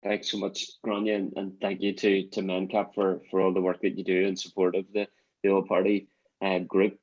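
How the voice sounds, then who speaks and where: A man's voice: low voice, monotone, normal speed, darkish tone, highs cut off. A man chairing a webinar, thanking speakers politely with stammering repeats. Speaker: meeting chair.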